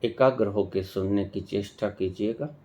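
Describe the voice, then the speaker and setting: A man giving a devotional discourse as a spiritual teacher, speaking in a measured way with long pauses and emphatic stresses. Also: lowish voice, a little mellow.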